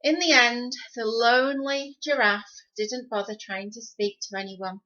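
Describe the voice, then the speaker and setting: Woman reader for a kids' picture book; gentle asides to little listeners, somewhat high voice, muffled recording. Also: fairly even intonation. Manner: pauses to point out the pictures to young listeners. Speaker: storybook reader. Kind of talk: children's picture-book read-aloud.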